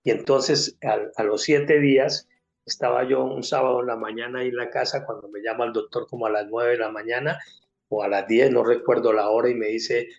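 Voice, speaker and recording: A man's voice: mid-range voice, fairly even intonation, a little fast, vocal fry, muffled recording. An older man with a Colombian accent, giving an emotional personal faith testimony and acting out the people in his story.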